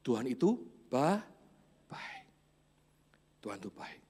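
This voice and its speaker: A man in his forties preaching a church sermon, storytelling with chuckles and quiet asides. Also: medium pitch, very animated, normal speed. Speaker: pastor.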